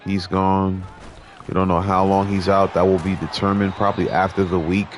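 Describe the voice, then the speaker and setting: Deep-voiced man commentating a football game. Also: normal speed, slight background noise. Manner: relaxed, conversational, mild restarts. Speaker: gaming commentator. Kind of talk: casual video game play-by-play commentary.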